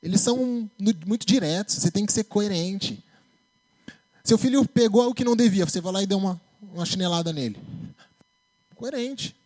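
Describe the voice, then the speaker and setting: A man's voice: high voice, normal speed, pauses often. A man with a Brazilian Portuguese accent preaching a sermon in a church, talking in a conversational way and often asking "né?". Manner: conversational, animated preaching with tag questions. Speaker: preacher and psychologist.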